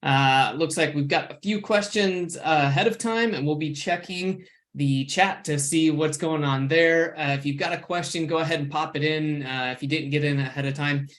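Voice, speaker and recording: Relaxed man hosting a web show. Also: fairly high pitch, moderate pace. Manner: relaxed, filler-heavy announcer. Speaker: co-host. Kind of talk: casual webinar chat.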